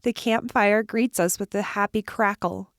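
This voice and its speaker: A woman with a middle-pitched, fairly evenly intoned voice tells a children's campfire story slowly and soothingly, sinking into whispers and leading call-and-response. The recording is close and dry, with no echo.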